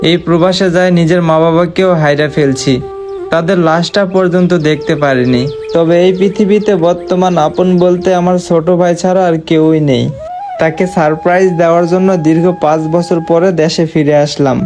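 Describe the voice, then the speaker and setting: A man's voice: on the high side, steady tone, moderate pace, lightly acted. A young man, acting as an earnest, sorrowful man back home after years abroad, talking in a heartfelt, pleading way. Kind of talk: amateur short-film acting. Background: faint background music.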